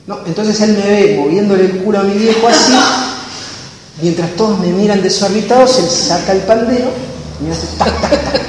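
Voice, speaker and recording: A man with a Rioplatense Spanish accent giving a lecture to clowns, telling a lively anecdote and acting out the voices of the people in it. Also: high voice. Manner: animated, acts out voices in anecdotes. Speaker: clown teacher giving a talk. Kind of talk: storytelling lecture. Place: large hall at a convention. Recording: echoey hall from far off, noisy.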